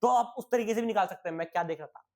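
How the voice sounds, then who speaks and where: Male physics teacher, slightly high voice, chatty, tired. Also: rapid-fire. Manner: chatty, calls students bhai, asks and answers his own questions. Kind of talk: casual exam-prep lecture.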